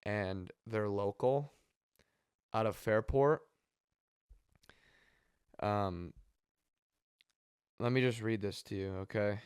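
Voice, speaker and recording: Guy talking slow and halting, kinda choked up, asking for donations, real clear close sound. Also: lowish voice, a little mellow, no echo. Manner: halting, many pauses and sighs; emotional, voice catching. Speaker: charity organizer. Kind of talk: heartfelt direct-to-camera appeal.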